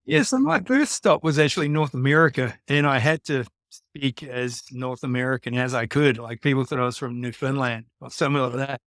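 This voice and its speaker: A man's voice: mid-range voice, a little fast, few pauses, fairly bright tone, no echo, clean studio sound. A man with a New Zealand accent telling anecdotes casually as a podcast guest.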